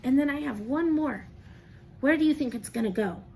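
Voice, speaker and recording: Slight background noise sits behind this woman's high, dark-toned voice as she teaches at a moderate pace. Talking to camera, she walks young children through simple steps, asks questions, and encourages them as if they're answering back.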